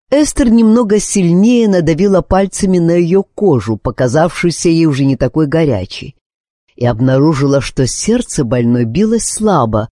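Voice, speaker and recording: A man reading a novel aloud in an expressive, measured narration. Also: on the high side, no echo, clean studio sound. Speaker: audiobook narrator. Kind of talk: scripted narration.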